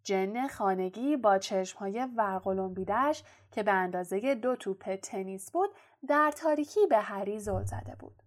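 A woman narrating a storybook aloud in a steady, expressive reading voice. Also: medium pitch. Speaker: audiobook narrator.

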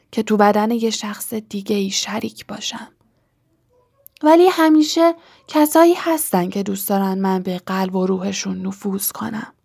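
Voldemort, a woman whispering as a serpent-faced dark lord. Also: medium pitch, gravelly. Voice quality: hissing whisper.

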